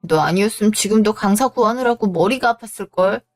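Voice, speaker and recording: Audio drama: upbeat friend and academy owner, brisk, encouraging, read by a woman. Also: mid-range voice, darkish tone, faint music behind, close to an everyday voice.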